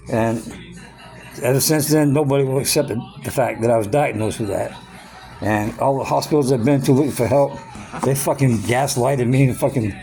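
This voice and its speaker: With a mellow, mid-range voice, this sixty-something vlogger vents furiously about his medical issues. The rant is profane, heated, and repetitive, with swearing throughout.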